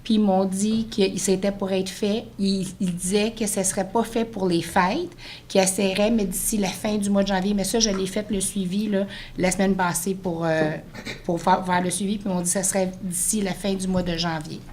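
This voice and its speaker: A woman's voice: mid-range voice, fairly even intonation, normal speed, darkish tone. A woman with a Quebec accent explaining herself at a public meeting, insistent and repeating her points. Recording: faint meeting-room noise.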